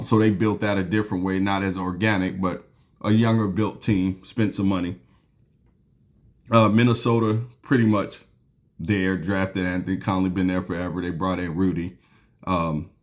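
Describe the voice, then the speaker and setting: A man's voice: low voice, moderate pace. A man hosting a basketball talk show, chatting casually and loosely, with lots of ums and restarts, sipping a beer as he goes. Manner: relaxed, rambling, with frequent ums and restarts; sipping a beer while talking. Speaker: basketball podcast host. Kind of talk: casual solo sports talk.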